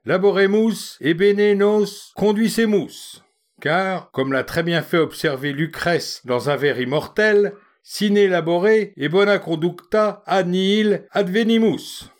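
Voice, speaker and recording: A man's voice: high-pitched, voice pushed up. A man voicing a pompous, grave man who poses as an uncle and lectures in mock Latin.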